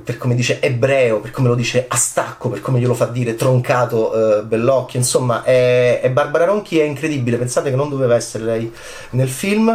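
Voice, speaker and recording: A man, a film critic, giving casual commentary on an awards night, rambling and enthusiastic, moving from soft asides to excited high bursts. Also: reverberant.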